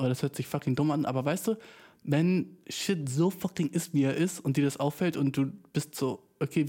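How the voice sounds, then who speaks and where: A man's voice: fairly high pitch, mellow. A young man hosting a podcast in a casual, rambling monologue, swearing often and dropping English slang into his speech. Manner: rambling, profane, slangy, mixes in English words. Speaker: podcast host.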